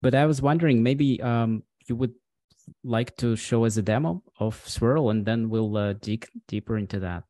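A man hosting a podcast and asking questions over a video call, measured and searching for words. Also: mid-range voice, mellow, no room sound. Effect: heard over a video call. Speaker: podcast host. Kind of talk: interview questions.

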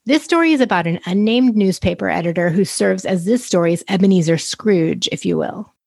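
A woman's voice: medium pitch, expressive, a little fast, gravelly, a little mellow, no room sound. A woman co-hosting a podcast, chatting casually with wry, joking remarks. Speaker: podcast co-host.

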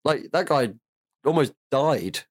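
A man's voice: medium pitch, lively intonation, takes it slowly, no echo, studio quality. A man, co-hosting a casual podcast, who rambles, jokes, and often leaves his sentences unfinished. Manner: rambling, jokey, trails off mid-sentence. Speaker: podcast co-host.

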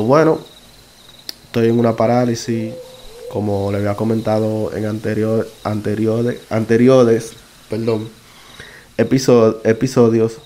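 Low mellow man telling a story. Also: a little hiss or hum. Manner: halting, self-correcting, conversational. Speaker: podcast narrator. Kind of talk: casual first-person storytelling.

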